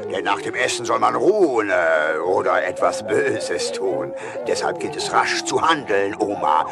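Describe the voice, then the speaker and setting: Lively rhyming storyteller man. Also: on the low side, creaky. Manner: lively, mocking storyteller voicing characters. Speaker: narrator. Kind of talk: rhymed storybook narration. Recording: studio record with music behind.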